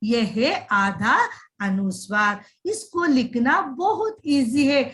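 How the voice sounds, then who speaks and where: A woman's voice: on the high side, lively intonation, takes it slowly, fairly bright tone. A woman teaching young children in a recorded lesson voice-over, drawing out words in a sing-song way and repeating them.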